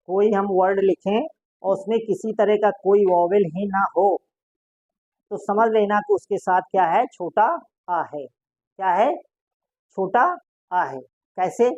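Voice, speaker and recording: A woman's voice: medium pitch, mellow, dry recording, highs cut off. A woman teaching a shorthand lesson, asking her class questions and answering them herself.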